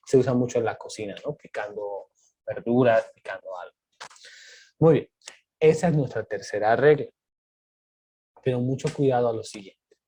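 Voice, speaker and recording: A man's voice: medium pitch, mellow, breathy edge. A male teacher patiently explaining grammar rules step by step, asking and answering his own questions. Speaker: English teacher.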